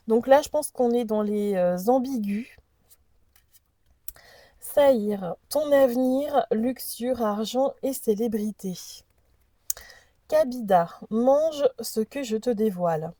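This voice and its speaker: A woman's voice: fairly high pitch, lively intonation, takes it slowly, mellow, no echo. A woman host presenting an oracle deck in a casual chat, reading the card messages aloud and hesitating over unfamiliar names.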